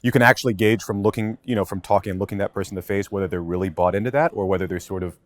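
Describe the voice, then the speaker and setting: Fast-talking man, dry and close. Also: low voice, dry recording. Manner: thinking aloud with frequent restarts and hedges. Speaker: content marketing lead, podcast guest. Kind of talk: casual podcast conversation. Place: office with many desks.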